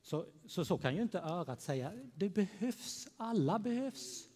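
A man preaching a gentle children's sermon in church, telling a story and speaking warmly to the children. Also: sits high, big pitch swings. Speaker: pastor. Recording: long church reverb.

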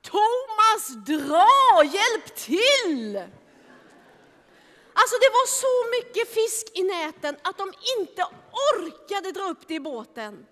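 A woman telling a Bible story to children in a lively, animated way, acting out the scenes. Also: very high-pitched, hardly any pauses, long reverb tail.

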